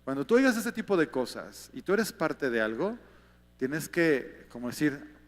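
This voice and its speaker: High-voiced Mexican pastor preaching in a hall. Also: male voice, very animated, moderate pace. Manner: conversational, peppered with rhetorical questions to listeners. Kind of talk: sermon.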